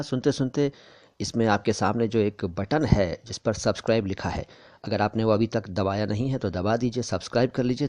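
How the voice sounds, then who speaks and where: A man's voice: fairly low pitch, dark tone. Man teaching careful pronunciation. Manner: measured, careful explanatory delivery. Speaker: language teacher. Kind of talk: pronunciation lesson. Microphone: bluetooth headset.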